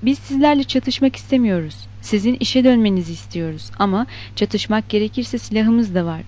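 A woman reading the lines of a smooth-talking, patronizing male grower's agent in a novel, in a preachy, placating manner. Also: medium pitch, brisk, a little mellow, lightly acted. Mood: warning. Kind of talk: scripted narration of a novel. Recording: dull lo-fi recording.

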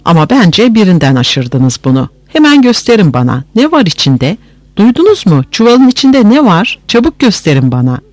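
A man voicing a greedy, shrill old village wife in a read-aloud story, demanding and shrieking. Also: big pitch swings, a little fast, darkish tone, no room sound.

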